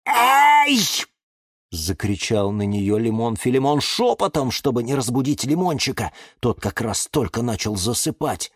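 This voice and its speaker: Lively storybook narrator, dry studio sound. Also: mid-range voice, moderate pace, hardly any pauses, slightly rough, no echo. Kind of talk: expressive children's audiobook narration.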